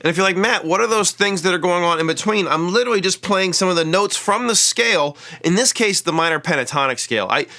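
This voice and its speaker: Talking fast with few pauses, this man has a high, sharp voice with lively intonation. He's giving a relaxed lap steel guitar lesson, chatting and explaining as he plays, counting off the scale degrees of every lick while the guitar sounds in the background.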